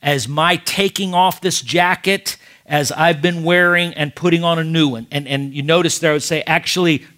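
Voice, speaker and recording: Animated man lecturing pastors. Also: a little high, moderate pace. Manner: animated, emphatic, with restarts. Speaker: preaching instructor.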